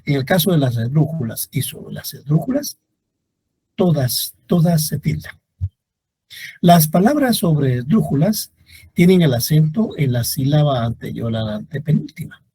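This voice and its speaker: A male teacher giving a classroom grammar lecture, reading out example words slowly and deliberately and speaking directly to his students. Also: on the high side, big pitch swings, mellow, breathy edge.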